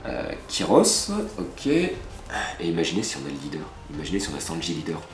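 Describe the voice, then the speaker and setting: Opening packs of trading cards, this host speaks briskly in a rumbling low voice, full of chatty asides for his viewers. Every pull gets an excitable exclamation. Background music plays in a roomy-sounding space.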